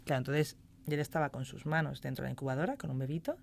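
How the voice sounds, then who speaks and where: A woman's voice: sits low, fast, vocal fry, darkish tone, slight background noise. A woman, a music therapist chatting as a podcast guest, telling stories and acting out quoted dialogue. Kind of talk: casual podcast interview.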